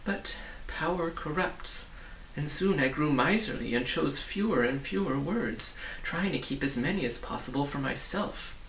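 Man voicing a wistful old woman, creaky voice. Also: a little high, expressive, normal speed, fairly bright tone. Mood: reminiscing. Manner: wistful, formal storytelling. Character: sad, gentle old woman, a disgraced former royal official. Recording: roomy, distant mic, hissy.

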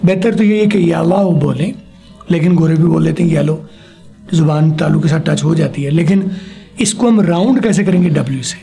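A male teacher with a gravelly edge and a mellow, relaxed tone, running a spoken language lesson. He models each word slowly and patiently, then has his pupil say it back, with faint music underneath. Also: a little high. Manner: drills words slowly for a pupil to repeat. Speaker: English teacher.

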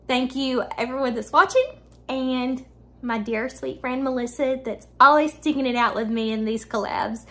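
Her fairly high, fairly bright voice carries through a casual baking tutorial as this woman in her thirties, a vlogger, bakes desserts at home and keeps up a talkative, upbeat conversation with her viewers.

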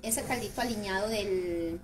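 A chatty home cook and video host with a Paisa Colombian accent gives a casual cooking demonstration in her kitchen, her mid-range voice at a normal speed. She often repeats words for emphasis. The microphone is distant, and kitchen clatter is heard throughout.

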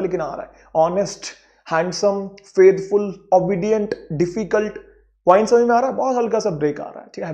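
A man with a high, mellow voice teaches grammar for competitive exams. He talks casually, voicing the questions his students might ask and checking that they follow. The recording sounds dull and lo-fi. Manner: conversational, acts out students' questions, asks checking questions. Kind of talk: exam-prep grammar lesson.

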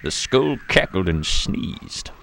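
A man's voice: low-pitched, big pitch swings, takes it slowly, vocal fry, a bit bright, a little hiss or hum, full character voice. A man playing an old grandfather who tells a spooky tale to a grandchild in a playful, dramatic way. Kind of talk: storybook read-aloud.

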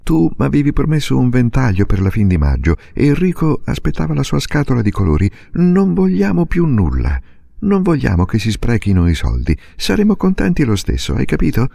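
A man's voice: medium pitch, huge pitch swings, brisk, creaky, warm tone, no echo, voice pushed up, heavily acted. An actor playing an earnest, determined young girl who pleads and insists, in a storybook reading. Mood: earnest pleading.

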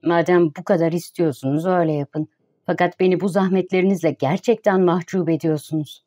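A woman reading the lines of an idle, gentle young gentleman in an audiobook, in a soft, plaintive way. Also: fairly low pitch, fairly even intonation, brisk, close to an everyday voice. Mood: polite, shy.

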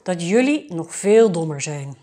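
A woman's voice: lowish voice, lively intonation, unhurried, warm tone. A woman voicing a foolish old male king in a storybook tale, speaking plainly and matter-of-factly. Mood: resigned.

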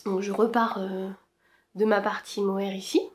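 A woman's voice: mid-range voice, flat delivery, normal speed. A woman chatting casually about her knitting to camera, hesitant with many fillers. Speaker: knitting podcaster. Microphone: camera-mounted shotgun mic.

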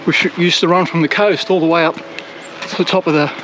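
A man's voice: fairly high pitch, steady tone, normal speed, noisy background. An older Australian man rambling casually as he walks a coastal trail, filmed on an action camera at arm's length outdoors. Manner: chatty, rambling, self-mocking. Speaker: hiking vlogger. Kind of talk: casual walking commentary. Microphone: action camera held at arm's length.

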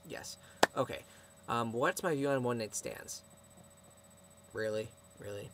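A man's voice: medium pitch, moderate pace, fairly bright tone, a little hiss or hum. Chatty teenage boy vlogging. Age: teens. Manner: chatty, rambling, answering viewer questions. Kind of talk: casual chat to camera.

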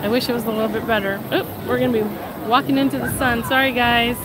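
This fast-talking vlog host has a fairly high voice and fairly even intonation. She's live-streaming on her phone as she strolls a crowded theme park, chatting and laughing a lot, her voice a bit nasal from a cold she's recovering from, over heavy crowd and music noise.

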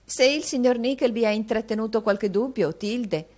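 A woman's voice: on the high side, moderate pace, darkish tone, voice pushed up, natural voice. A vain and touchy young woman, sure she is adored, speaking in coy, affected tender tones, as a woman reading the story plays her. Her manner is prim and self-satisfied.

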